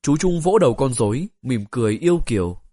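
A man narrating an audiobook story in a steady, even storytelling way. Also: medium pitch, fairly quick, husky, no echo, clean studio sound.

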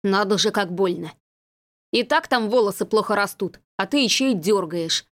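A woman reading a story and voicing a flustered, easygoing man who complains and tries to smooth things over. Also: medium pitch, moderate pace, close to an everyday voice. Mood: complaining. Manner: complaining, placating. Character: flustered middle-aged man, easygoing and whiny.

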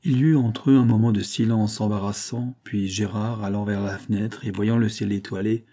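A male audiobook narrator reading a nineteenth-century novel in a measured, even manner. His voice sits low and sounds dark and mellow. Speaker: audiobook reader.

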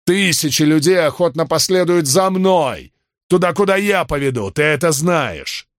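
A man reading an audiobook, voicing a hulking, surly male gladiator who speaks gruffly and threateningly. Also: a little high, lively intonation, normal speed, no echo, studio quality, pitched above the performer's own voice, lightly acted. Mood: menacing. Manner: gruff, menacing.

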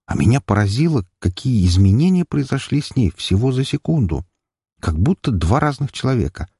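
A man narrating an audiobook in the first person with expressive, lively storytelling. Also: medium pitch, husky, no echo, clean studio sound.

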